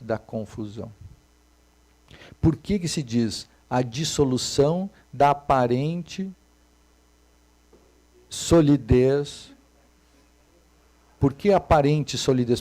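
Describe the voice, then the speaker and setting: A man, giving a Buddhist dharma talk as a meditation teacher, moving between soft and emphatic speech. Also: mid-range voice.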